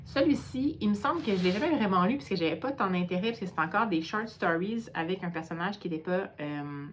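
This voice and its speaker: A woman's voice: medium pitch, lively intonation, brisk, slight background noise. A tired woman with a Quebec French accent chatting hesitantly at home in a casual book vlog, with many fillers. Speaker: book vlogger.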